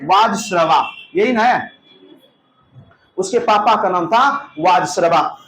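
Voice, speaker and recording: Man, teacher, storytelling lesson, acts out dialogue, high voice. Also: takes it slowly, slight background noise. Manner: lively storytelling, acting out dialogue with asides to students. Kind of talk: exam-prep history lesson told as a story.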